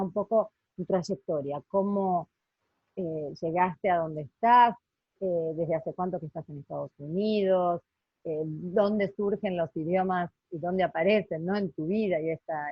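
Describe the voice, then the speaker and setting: A woman co-hosting a podcast, asking questions in a warm but hesitant way with fillers. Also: on the low side, dry recording. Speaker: podcast co-host. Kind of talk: conversational interview. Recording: dull, dry remote line.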